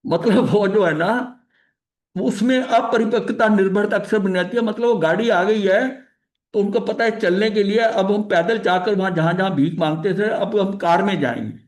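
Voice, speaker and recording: A man with a notably high speaking voice leads a religious study session. He teaches conversationally, circling back with filler phrases and restarting sentences. He drops English terms into his explanations. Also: moderate pace. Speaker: spiritual study leader.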